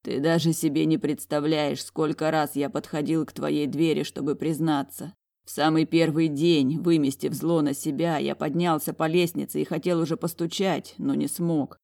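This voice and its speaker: A woman's voice: low-pitched, little pitch movement, moderate pace, creaky, warm tone. A woman voicing a proud young man who pleads earnestly for forgiveness, in storybook narration. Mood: pleading.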